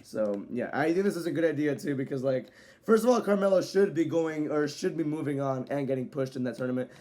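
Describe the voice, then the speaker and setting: A man giving a casual, rambling video review, filling pauses with "so, yeah" and now and then speeding up. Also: a little high, warm tone. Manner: rambling, loose delivery with frequent "so, yeah" fillers; at times speeds up. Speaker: wrestling show reviewer.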